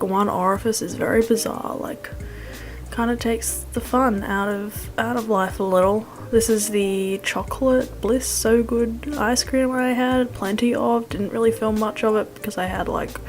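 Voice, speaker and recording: A young woman narrates a casual food vlog at a middle pitch, with clear music behind her. She rambles in a slangy, self-deprecating way with a wry edge. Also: steady tone, moderate pace. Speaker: food vlogger.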